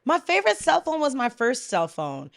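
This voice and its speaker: A woman's voice: sits high, normal speed, vocal fry. Chatty laughing female co-host. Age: middle-aged. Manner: chatty, expressive, laughs a lot. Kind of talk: casual chat.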